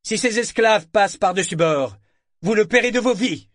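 A man's voice: mid-range voice, expressive, moderate pace, no room sound, clean studio sound, lightly acted. A man voicing a cold, decisive pirate captain giving firm orders in an audiobook. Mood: commanding.

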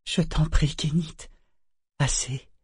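A man voicing a young woman who speaks softly and hesitantly, her voice raised above his own. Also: a little high, fairly even intonation, takes it slowly, no echo, clean studio sound, pitched above the performer's own voice, full character voice. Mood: hushed. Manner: soft, hesitant and breathy. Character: young woman, shaken and yielding.

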